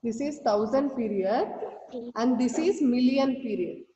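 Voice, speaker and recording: Woman teacher, Indian English accent, slow and patient, roomy distant call audio with faint noise. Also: on the high side, mellow, lo-fi sound. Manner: slow, repetitive, patient explaining. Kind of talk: online math lesson. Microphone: video call.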